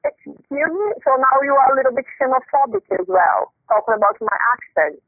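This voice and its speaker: A woman's voice: high voice, expressive, brisk, creaky, no room sound. A woman with a Brazilian accent, a fraud call agent on a phone call, flustered and apologetic, repeating herself. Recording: tinny phone line, dry.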